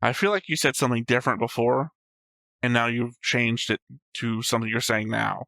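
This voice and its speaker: This co-host of a reaction show has a mid-range, creaky, bright voice with a steady tone and forceful edge, speaking fairly quickly in a dry recording. He debates an animated series casually, taking points apart with precise argument.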